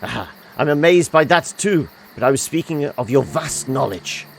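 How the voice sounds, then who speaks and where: Man reading as a courtly, flattering male admirer. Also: medium pitch, normal speed, vocal fry. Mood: admiring. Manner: flattering, proverb-quoting. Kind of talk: game dialogue read aloud. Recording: music behind the voice.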